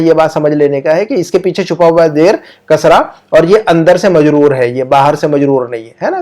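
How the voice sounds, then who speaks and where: Slightly high-voiced man teaching grammar. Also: dark tone. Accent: Urdu-speaking. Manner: explains patiently, repeats example sentences slowly, asks students questions. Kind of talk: online grammar lesson.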